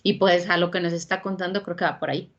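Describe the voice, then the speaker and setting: A woman's voice: fairly low pitch, steady tone, fast talker, highs cut off. A woman with a Mexican accent asking questions as an interviewer on a video call, rambling and thinking aloud.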